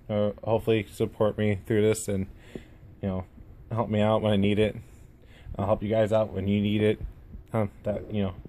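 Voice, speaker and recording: He's a gaming YouTuber with a low, darkish voice, introducing himself in a loose, rambling vlog to camera from home. A lisp stretches his S sounds and slurs them slightly, and his manner stays casual and self-effacing. Room noise is noticeable indoors.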